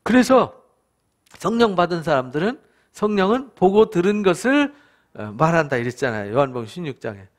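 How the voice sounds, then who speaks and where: A man's voice: a little high, big pitch swings, a little fast. A man, a pastor, giving a conversational Bible study lecture, asking his listeners to agree and acting out what people said. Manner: conversational, asks the listeners for agreement, acts out quoted speakers.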